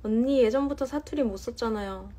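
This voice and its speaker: Her voice is fairly high and mellow, moving at a rather quick pace. She's a livestream host in her thirties from Jeonju, Korea, chatting casually on her phone as she teases viewers over their comments and draws out words to stress them.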